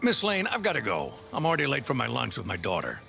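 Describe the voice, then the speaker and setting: An actor playing a harried, gruff middle-aged police commissioner in a video game. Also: male voice, medium pitch, huge pitch swings, quick pace, music in the background, heavily acted.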